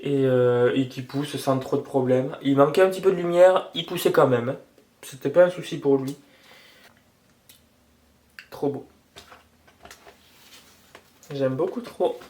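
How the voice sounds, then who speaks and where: A man's voice: mid-range voice, unhurried, long pauses, a little mellow. A young man chatting casually indoors at home about his houseplants, swearing and grumbling, hot and sweaty. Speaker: plant vlogger. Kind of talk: casual chat.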